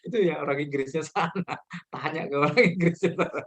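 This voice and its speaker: A man's voice: fairly high pitch, brisk. A middle-aged man giving a casual online lecture over a video call, joking, laughing often and quizzing the class.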